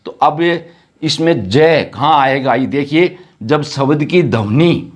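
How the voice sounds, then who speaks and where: Slow, deliberate male teacher. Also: fairly high pitch, animated. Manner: slow, repeats words and sounds one by one. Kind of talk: grammar lesson.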